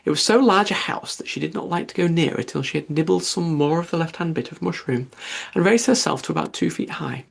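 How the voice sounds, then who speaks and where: A man narrating a classic children's story as an audiobook reader, in an expressive storybook manner. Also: fairly high pitch, a little fast, vocal fry, breathy edge. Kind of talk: scripted narration.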